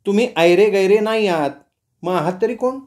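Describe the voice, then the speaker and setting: A teasing young woman with a quick, cutting tongue, as a male storyteller puts her on. She fires back raised, pointed questions and never gives an inch. She sounds like a storybook character, pitched higher than the teller's own voice. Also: darkish tone, close to an everyday voice. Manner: mocking, quick-witted retorts. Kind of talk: storytelling with acted dialogue.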